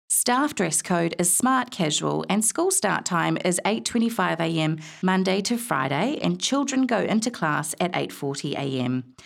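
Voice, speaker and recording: A woman narrates in the manner of a smooth audio guide. Her voice sits a little low for a woman, with a clear touch of creak. She reads scripted information in a measured, instructional way.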